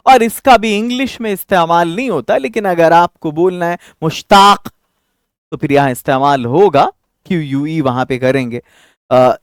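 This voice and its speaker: A man's voice: no room sound, clean studio sound. A man teaching Urdu vocabulary in an exam-prep lesson, asking questions and repeating the answers for drill. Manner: lively, rising on each question, dropping low on answers; repeats key words for drill.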